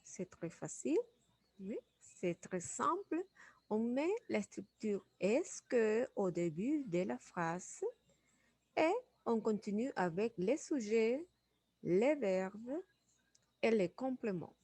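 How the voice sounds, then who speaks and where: Slow, patient teacher. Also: female voice, fairly high pitch, sing-song, a little mellow, dry recording. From Venezuela. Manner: patient, repeats each example, asks "oui". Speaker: French teacher. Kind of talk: slow classroom explanation.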